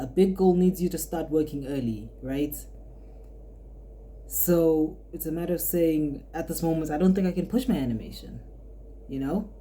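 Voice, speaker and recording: Woman, age 20, podcast host, low voice, very dark tone, rambling, reflective, restarts often. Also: a little hiss or hum. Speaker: podcast host and art student. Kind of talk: casual podcast monologue.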